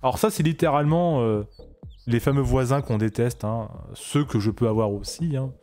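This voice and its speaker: A man's voice: medium pitch, moderate pace, darkish tone, faint music behind. A man giving casual, joking commentary while playing a game on stream, chatty with frequent restarts. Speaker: let's play streamer.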